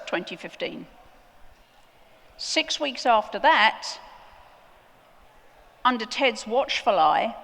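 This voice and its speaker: A woman giving a prepared conference talk, earnest and emphatic, with deliberate pauses. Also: a little high, sharp tone. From outside the United States. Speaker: conference speaker. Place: large conference hall. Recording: long hall reverb.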